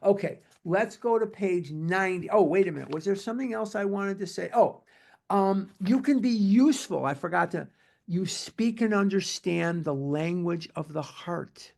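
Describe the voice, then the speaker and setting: A seventy-year-old man leads a recovery meeting in a high-pitched voice with a gravelly edge. He speaks earnestly and circles back to repeat his points for emphasis. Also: moderate pace, darkish tone. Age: 70s. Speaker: meeting leader.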